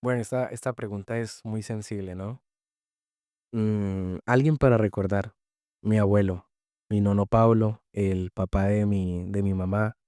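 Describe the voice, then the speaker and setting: Young man, Colombian accent, low voice, earnest faith testimony, repeats himself, dry close sound. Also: mellow, clear, resonant tone, dry recording. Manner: earnest and heartfelt, often repeating phrases. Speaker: podcast guest.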